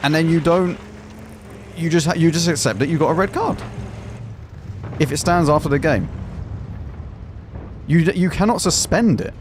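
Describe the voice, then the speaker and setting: A man's voice: on the high side, normal speed, pauses often, a little hiss or hum. An English man live streaming a game, chatting casually in an opinionated, exclamatory, colloquial way. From England. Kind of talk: casual live stream commentary while gaming.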